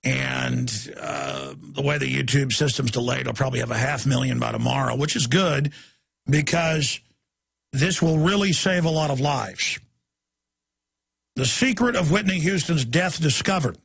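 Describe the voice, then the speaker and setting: Gravelly-voiced ranting man. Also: medium pitch, a little slow. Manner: ranting, emphatic, rising to shouts. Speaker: talk radio host. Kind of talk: talk radio monologue.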